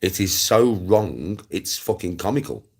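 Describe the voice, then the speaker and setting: A live streamer in his forties with an English accent rants in a low, slightly rough voice that's animated yet unhurried. He speaks bluntly and casually, swears freely, and hammers points home through repetition.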